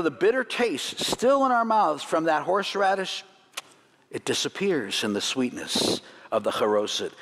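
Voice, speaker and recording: A man with a slightly high voice leads a church congregation through a Seder plate, explaining each item. He teaches with light jokes and chuckles. His voice rings with a long reverb through the sanctuary. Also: a bit bright. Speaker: rabbi leading a Seder demonstration. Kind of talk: sermon demonstration.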